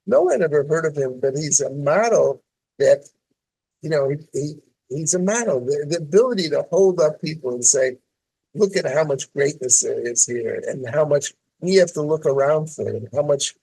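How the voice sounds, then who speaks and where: A man's voice: fairly high pitch, lively intonation, moderate pace, gravelly, warm tone, slightly rough, poor audio. An older man, a columnist talking reflectively in an interview with many restarts and fillers. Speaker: guest columnist. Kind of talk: casual interview talk.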